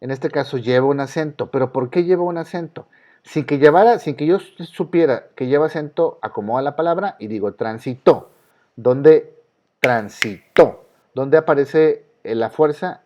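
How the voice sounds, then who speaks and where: A man's voice: on the high side, moderate pace, dark tone. Man, Mexican accent, teacher, patient and repetitive, dull lo-fi sound. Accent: Mexican Spanish. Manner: patient, repeats key rules, asks students questions. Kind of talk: online class lecture. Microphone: video call.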